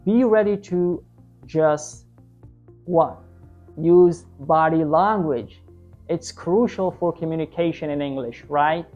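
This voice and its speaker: A woman's voice: lowish voice, darkish tone, muffled recording. A woman teaching an online English lesson, explaining tips and often checking in with "right?". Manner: tags many sentences with "right?"; coaching, repetitive explanation.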